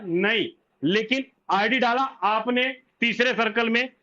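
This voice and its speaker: Explaining a referral plan at a whiteboard, this man goes step by step, repeats points, and answers his own questions. His pitch is extremely high, pushed and bright, and the lo-fi recording sounds dull.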